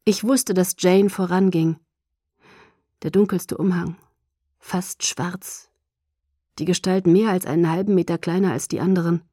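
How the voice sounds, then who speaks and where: A woman narrates a first-person audiobook in a measured, low-key way. Her voice is dark and mellow, and the recording is dry and close with no room sound. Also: fairly even intonation, no room sound.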